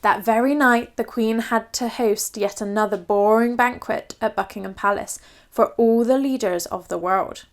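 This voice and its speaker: High-voiced woman reading a children's storybook. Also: moderate pace. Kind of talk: expressive children's storybook read-aloud.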